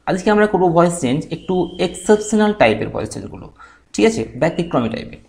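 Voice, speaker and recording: A man's voice: high-pitched, big pitch swings, creaky, darkish tone. Bengali-accented male tutor, patient online grammar lesson, answers his own questions. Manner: asks questions and answers them himself, slow deliberate examples. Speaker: English grammar teacher.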